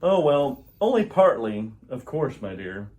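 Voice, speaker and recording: In a piece of retro radio theater, a man takes on the role of an earnest, urgent alien scientist, husband and father, with grave, theatrical delivery. His mid-range voice is very animated yet unhurried and a little mellow, with the highs cut off; the mood is tender and earnest.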